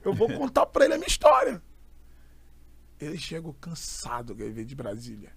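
Young Brazilian preacher, high gravelly voice, animated emphatic storyteller. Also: male voice, fairly quick, slight background noise. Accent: Brazilian Portuguese. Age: young adult. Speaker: itinerant preacher and pastor. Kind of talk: casual storytelling chat.

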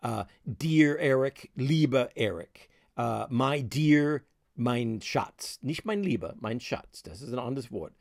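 A man's voice: medium pitch, animated, slow, vocal fry, a little mellow, no echo, clean studio sound. A man hosting a podcast language lesson, explaining words patiently with many hesitant fillers. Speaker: podcast host teaching English. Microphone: podcast microphone.

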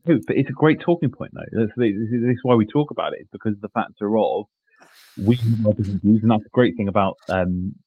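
A man's voice: fairly low pitch, quick pace, slightly rough, no echo. A man co-hosting a casual discussion in a conciliatory way with hesitant phrasing, heard over a tinny line. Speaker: podcast co-host. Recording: dry, tinny phone-like line.

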